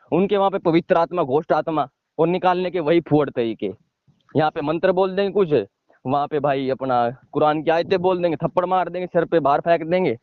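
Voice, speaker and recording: A man from a village in India explains things informally over the phone, emphatic and repetitive, checking in often with short tag questions. His voice is on the high side, and the recording is dry, dull, and lo-fi.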